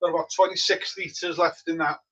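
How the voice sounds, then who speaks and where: Husky, on the high side and fairly quick, this male voice belongs to a Welsh homebrewer livestreaming his brewday from his home brewery. A native Welsh speaker from Wales with a Welsh accent, he chats casually and relaxedly, answering viewers. Audio is dull.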